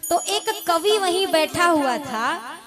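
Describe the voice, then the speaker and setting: High-voiced woman telling a devotional story. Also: animated. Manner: slow, storytelling with rhetorical questions. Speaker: spiritual storyteller. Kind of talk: devotional katha discourse. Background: devotional music.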